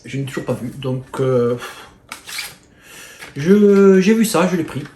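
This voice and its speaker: An excitable man with a Marseille accent rambles through his flea-market finds, full of fillers and the odd swear word. His voice sits a little high and bounces around an echoey room, with faint noise underneath. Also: measured pace. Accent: Marseille French. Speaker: video host showing flea-market finds. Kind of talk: casual chat to camera.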